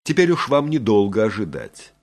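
A man voicing a gentle, weary young woman who speaks softly and reassuringly. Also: fairly low pitch, huge pitch swings, normal speed. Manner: soft, reassuring.

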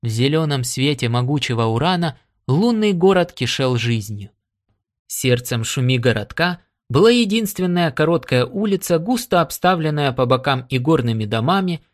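Male narrator, audiobook reading, steady storytelling, mid pitch. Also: normal speed. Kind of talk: scripted narration.

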